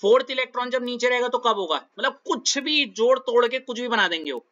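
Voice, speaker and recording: A man's voice: very high-pitched, brisk, bright, forceful tone, highs cut off. A male chemistry teacher giving a classroom lecture in a coaxing way, often checking that the student follows.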